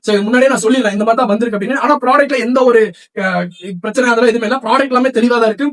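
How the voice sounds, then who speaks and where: A man from Tamil Nadu who runs a shop, chatting rapidly through a product demo and sales pitch and often checking with viewers. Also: fairly bright tone. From Tamil Nadu, India. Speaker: shop seller presenting products.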